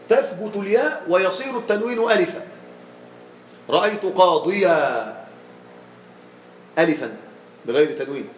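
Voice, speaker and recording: A man teaching a grammar lesson to a class, checking with his students and slowing down to model each example. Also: sits high, roomy sound, slight background noise, poor audio.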